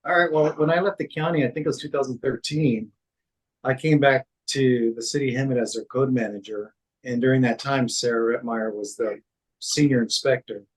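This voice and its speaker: Over poor audio, a man with a mid-range voice, once a city code manager, recalls past workplace events in an interview. His speech is halting, full of restarts and fillers, and he quotes others' dialogue.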